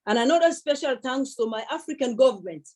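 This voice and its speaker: A woman's voice: high-pitched, animated, fast talker. A young woman giving an earnest public speech at a celebration, emphatic, repeating her key words and thanking many people. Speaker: speaker at a celebration event.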